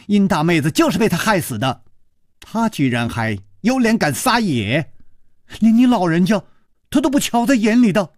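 A man's voice: high-pitched, very animated, brisk, pauses often, mellow, slightly rough, no room sound, pitched above the performer's own voice, full character voice. A man voicing a quarrelsome young married woman who shrieks and scolds in a wailing voice. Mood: whining.

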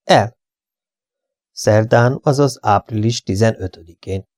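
A man's voice: lowish voice, darkish tone, no room sound, clean studio sound, natural voice. A man playing a breezy, flippant young man. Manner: light, offhand.

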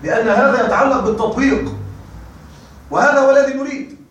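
High-voiced man teaching in an echoey classroom. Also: a little fast, lo-fi sound, a little hiss or hum. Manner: call-and-response drilling, prompts students to finish words. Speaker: grammar teacher. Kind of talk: classroom grammar lecture. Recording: very echoey room, voice far from mic.

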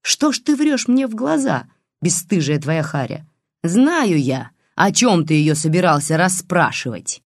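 A woman's voice: deep voice, sing-song, normal speed, dry recording, clean studio sound. A reader voicing a furious one-eyed old village woman who scolds and curses shrilly. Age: older.

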